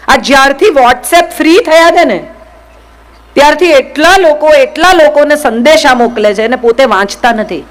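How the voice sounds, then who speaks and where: A woman's voice: sits high, rough recording. A woman giving a motivational speech to an audience, speaking directly and firing questions at the listeners. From Gujarat, India.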